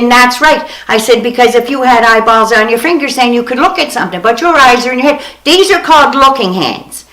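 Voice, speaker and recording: High-voiced blunt older woman ranting. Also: a bit bright. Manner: blunt, swears freely, scolding. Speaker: vlogger. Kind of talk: ranting storytelling monologue. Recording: echoey room.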